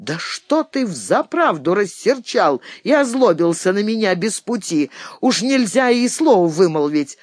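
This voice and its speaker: A woman's voice: mid-range voice, very animated, measured pace, hardly any pauses, a little mellow, dry recording, studio quality. A woman reading an audiobook, voicing a quarrelsome old mother who wails and scolds shrilly. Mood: shrill scolding.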